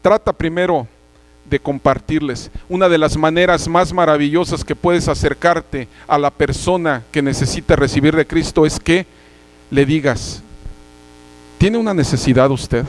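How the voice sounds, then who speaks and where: A young man preaching earnestly, telling a personal testimony and clearing his throat at times. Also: a little high, steady tone, moderate pace, rough recording. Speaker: church brother giving a sermon.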